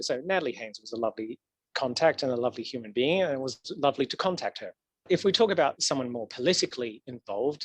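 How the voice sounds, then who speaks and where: A fairly high-pitched man chats as a guest on a podcast. He sounds animated and laughs easily, with his pitch jumping up whenever he stresses a point. The recording is dry and close. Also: no room sound. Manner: animated, laughs often, swoops up in pitch for emphasis. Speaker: podcast guest, historical archivist. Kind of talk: casual interview chat.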